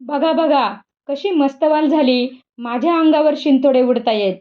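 A woman's voice: sits high, unhurried. A hot-tempered older village Brahmin rants and flings insults, as a woman reads him aloud. The storybook reading sounds dull and lo-fi. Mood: angry. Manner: ranting, insulting.

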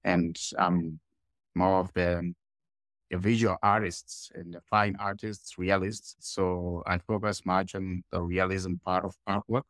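Low-voiced Zimbabwean-born man on a headset call. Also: level tone, fairly bright tone, no echo. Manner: halting, repeats words while searching for them. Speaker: guest artist. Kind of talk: casual interview on a video call. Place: small room indoors. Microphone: headset on a video call.

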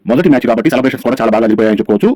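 A man's voice: mid-range voice, racing, mellow, no echo. A man narrating a scripted cricket match recap as a channel host, rattling through scores over by over. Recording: dull, lo-fi sound.

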